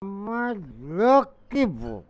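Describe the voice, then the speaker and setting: A man playing a drunken, abusive husband and father in a melodramatic short film, drawling with long pauses. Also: very high-pitched, sing-song, clear, resonant tone, no room sound, heavily acted. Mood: maudlin, drunk.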